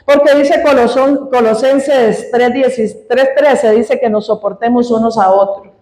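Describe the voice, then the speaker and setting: A woman's voice: on the high side, steady tone, measured pace, mellow, reverberant, rough recording. A woman preacher giving a sermon in an easygoing, conversational teaching manner, often checking in with the congregation. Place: church hall.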